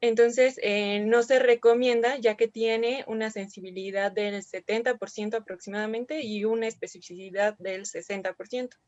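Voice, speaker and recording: A woman's voice: a little high, fairly even intonation, normal speed, few pauses, darkish tone, dry recording. A woman answering in a medical class, speaking in a careful, methodical way. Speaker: medical student. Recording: dry, dull lo-fi call audio.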